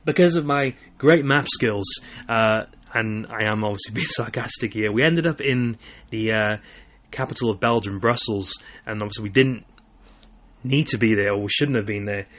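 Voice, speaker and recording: Young male podcast host, lowish voice, rambling chat full of ums and uhs. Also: steady tone, normal speed, a bit bright. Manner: rambling, many filler words and restarts. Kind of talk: casual solo podcast chat.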